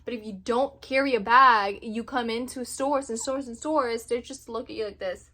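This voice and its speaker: A woman in her twenties from Indonesia, chatting casually to camera as a vlogger, animated and laughing often. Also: fairly high pitch, normal speed. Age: 20s.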